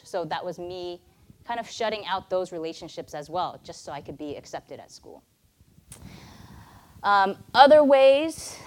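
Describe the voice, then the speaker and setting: As a guest speaker at a church, a woman in her thirties from the United States, who grew up speaking Mandarin, gives a personal testimony. She sounds earnest and conversational, with a medium-pitched voice.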